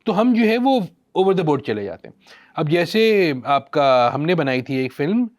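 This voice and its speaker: A Pakistani film critic appears as a podcast guest, his somewhat high voice highly animated yet unhurried. He speaks conversationally with emphasis, tossing out rhetorical questions, and his opinions carry a sarcastic edge.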